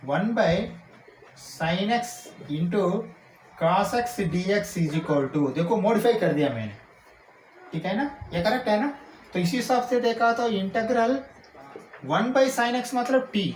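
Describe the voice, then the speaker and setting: A man with a high-sitting voice explains calculus while writing, often checking in with rhetorical questions and slowing down to dictate formulas. He's recorded in an echoey room with faint ambient noise.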